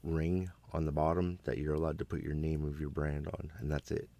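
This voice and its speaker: A man with an extremely deep, low voice talks in loose, profane conversation. He rambles bluntly from point to point. The sound is dry and close, with no room around it. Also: flat delivery, fairly quick, dark tone, dry recording. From Canada. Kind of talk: casual chat.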